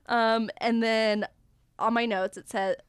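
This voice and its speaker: Bubbly woman co-host, fairly high voice. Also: smooth, no room sound, clean studio sound. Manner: bubbly, gushing, quick recaps. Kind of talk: casual podcast chat.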